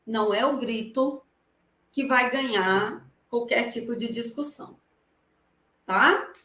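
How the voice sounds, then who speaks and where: A woman with a Brazilian Portuguese accent, a lawyer giving a live lecture on public speaking, projecting her voice without a microphone and swinging between loud and soft for emphasis. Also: fairly high pitch, slow. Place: room with a live audience. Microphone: no microphone, voice carried across the room. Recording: echoey room, voice from a distance.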